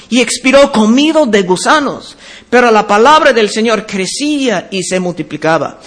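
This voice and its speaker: A man preaching a sermon, reading Bible verses aloud and explaining them, slowing down on key words. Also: sits high, fairly bright tone.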